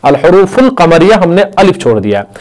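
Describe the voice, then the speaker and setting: A man teaching an Arabic lesson, explaining step by step and repeating words and letters slowly for his students. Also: high-pitched, big pitch swings, a little mellow. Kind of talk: classroom lecture.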